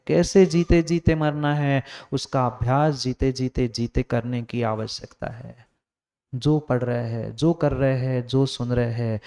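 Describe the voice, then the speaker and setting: Man preaching with emphatic repetition, smooth voice. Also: medium pitch. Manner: emphatic, repetitive exhortation, swings from raised to hushed. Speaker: Jain monk preacher. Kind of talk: sermon.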